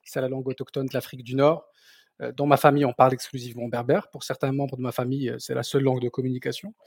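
Racing along with a flat delivery, this man's mid-range voice is gravelly, darkish and slightly rough, captured in a close, dry recording without echo. He's a company founder in his thirties from southern Morocco, a native Berber speaker, recounting his background as a podcast guest. His storytelling is hesitant, with words repeated as he hunts for the right phrasing.

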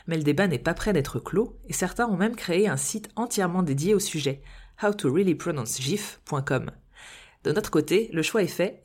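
Lower-pitched woman hosting a podcast. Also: a little mellow, slightly rough. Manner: informative with wry, playful asides. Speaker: podcast host. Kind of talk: scripted podcast narration.

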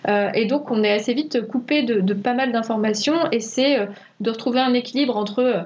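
A woman's voice: on the high side, a little fast, a little mellow. Hesitant woman podcast host, muffled. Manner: thoughtful, hesitant, many restarts. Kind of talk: casual live conversation. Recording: muffled lo-fi live stream audio.

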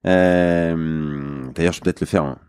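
A man's voice: low voice, fairly even intonation, a little slow, darkish tone, clear, resonant tone, no echo, clean studio sound. A man hosting a podcast interview, talking casually with many fillers and restarts. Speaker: podcast host.

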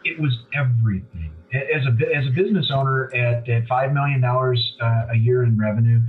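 Guest casting: plain-talking man in his forties, mid-pitched, self-deprecating, thin distant phone-like line. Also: a little fast. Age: 40s. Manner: blunt, self-deprecating, animated when emphatic. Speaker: business owner, podcast guest. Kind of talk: candid conversational storytelling.

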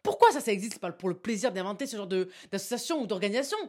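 A woman's voice: medium pitch, animated, very fast, darkish tone. A young woman giving a casual, emphatic motivational talk, addressing the listener directly with frequent asides. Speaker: motivational vlogger.

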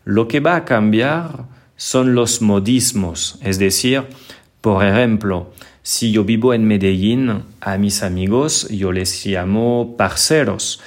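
A man with a French accent from northern France talks through listener questions as a language teacher on his own podcast. His voice sits a little low, and he explains things patiently, often repeating a word as he reaches for the next one. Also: slow. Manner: explanatory, repeats words while searching for them.

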